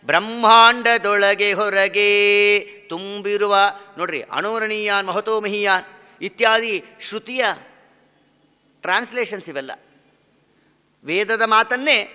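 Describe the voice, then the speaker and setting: A swami gives a devotional discourse in a very bright, high voice. He tells the story by asking questions and answering them himself, and sometimes breaks into song. His voice is smooth and resonant, with a long reverb from the hall. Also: expressive, measured pace, pauses often. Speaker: swami giving a religious discourse. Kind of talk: devotional discourse with sung verses.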